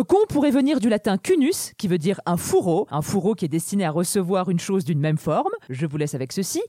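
A woman's voice: mid-range voice, warm tone, no room sound, studio quality. A woman hosting a comic podcast in a playful monologue, with mock-scholarly, teasing asides. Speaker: podcast host.

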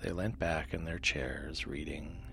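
A man narrating sleep stories in a soft, soothing, hushed manner that often trails into a near-whisper, close to the microphone. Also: fairly even intonation, measured pace. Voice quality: soft, low, gravelly. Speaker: host and narrator of a sleep story podcast. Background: music.

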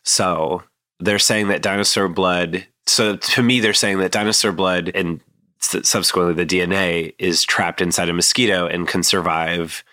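A man's voice: deep voice, fairly even intonation, moderate pace, bright, forceful tone, dry recording, studio quality. A man in his thirties hosting a casual podcast, rambling with plenty of fillers and restarts. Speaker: podcast host.

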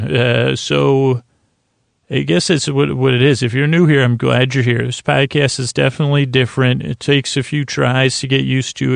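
A middle-aged man with a creaky, mid-range voice hosts a sleep podcast, offering a gentle, soothing bedtime monologue. It meanders, halts and interrupts itself, recorded in a clean studio with no echo.

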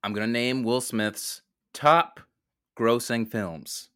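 A man's voice: mid-range voice, takes it slowly, pushed and bright, smooth, dry recording, studio quality. A man co-hosting a casual comedic podcast, joking around while he runs a quiz game for his guests. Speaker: podcast co-host and quizmaster.

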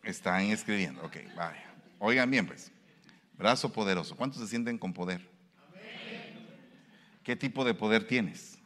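A man's voice: unhurried, pauses often, big-room sound. A male preacher, giving a sermon and asking his listeners questions. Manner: animated, shifts pitch and pace for emphasis, asks the audience questions.

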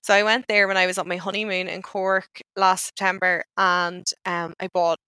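A woman with a Northern Irish accent co-hosting a podcast, talking in a chatty, animated and informal way. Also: fairly low pitch, normal speed, smooth, no room sound. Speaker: podcast co-host. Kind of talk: casual podcast chat.

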